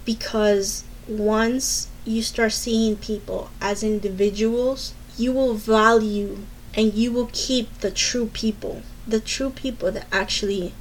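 Earnest, candid woman with a slightly high voice. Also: steady tone, slow, few pauses, a little hiss or hum, poor audio. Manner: candid, swears freely, many fillers and restarts; earnest and urging. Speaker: advice giver. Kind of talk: casual storytelling advice.

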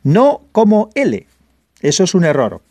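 Valencian man explaining, higher-pitched, mellow. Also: huge pitch swings, dry recording. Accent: Valencian Spanish. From Valencia, Spain. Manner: patient, restates and clarifies points with frequent "eh" pauses. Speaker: channel host. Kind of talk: casual explainer monologue.

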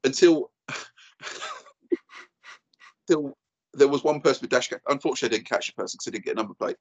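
A thirty-something man with an Essex accent chats very quickly and casually. His way of talking is blokey and full of slang, as in a relaxed podcast anecdote. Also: medium pitch. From Essex, England. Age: 30s. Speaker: podcast guest and YouTuber. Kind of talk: casual chat, telling an anecdote.

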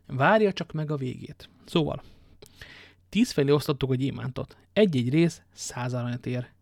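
A man's voice: mid-range voice, vocal fry, no echo, studio quality, natural voice. Athos, a man doing a wry musketeer. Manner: languid, ironic storytelling. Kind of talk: audiobook reading.

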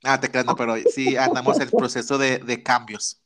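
A man's voice: medium pitch, flat delivery, normal speed, fairly bright tone. A man with a Mexican accent hosting a podcast interview, campy, teasing and flirtatious in casual chat. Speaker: podcast host.

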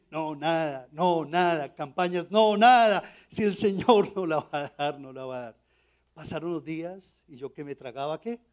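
High-voiced pastor telling a story. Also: male voice, a little mellow. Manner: storytelling with rhetorical questions to the audience. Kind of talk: sermon testimony.

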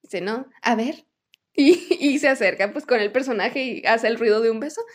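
A woman's voice: a little high, moderate pace. A young Mexican woman co-hosting a podcast, telling stories animatedly, acting out quotes and laughing often. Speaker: podcast co-host. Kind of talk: casual chat.

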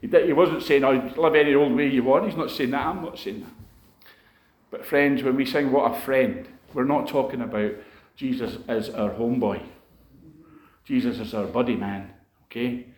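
A man's voice: mid-range voice, moderate pace, darkish tone. A man preaching to a congregation, telling a personal testimony in a conversational, emotional way, with frequent fillers and restarts. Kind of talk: sermon testimony. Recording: echoey room.

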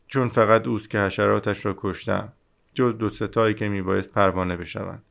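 A man's voice: fairly low pitch, gravelly. A man reading the part of a small, curious boy prince in an audiobook, in an earnest, wondering way.

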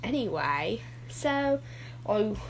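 A woman's voice: medium pitch, big pitch swings, slow, a little hiss or hum, low-quality recording. A woman voicing a goofy, rambling adult male dad who keeps getting sidetracked in his story.

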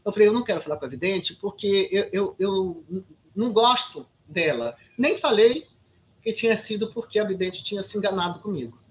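A woman's voice: medium pitch, expressive, brisk. A Brazilian woman in her sixties, an actress guesting on an interview podcast, tells a story emphatically with many restarts and "sabe?" asides. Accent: Brazilian Portuguese.

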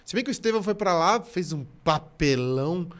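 A man's voice: high voice, animated, fairly quick, fairly bright tone. A man, a comedian chatting casually on a podcast, rambling with many restarts and jokes.

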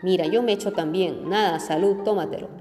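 A woman's voice: on the low side, a little fast, mellow, close to an everyday voice. A woman voicing an ashamed, pleading rich man. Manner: moaning, pleading. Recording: reverberant room with faint music.

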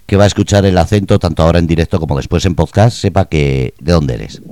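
A man's voice: low-pitched, quick pace, dark tone, dry recording, clean studio sound. A man hosting a radio interview, asking playful, probing questions. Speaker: radio host.

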